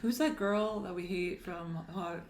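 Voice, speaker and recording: Low-voiced young woman chatting casually. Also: a little slow. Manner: short reactions, joking asides. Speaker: podcast co-host. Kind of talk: casual chat.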